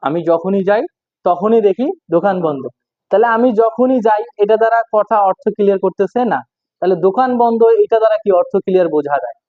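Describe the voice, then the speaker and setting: A man giving a casual spoken English lesson, repeating phrases and quizzing his listeners, with slow spelled-out English examples. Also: high voice, no echo. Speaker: English teacher. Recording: tinny narrow dry sound.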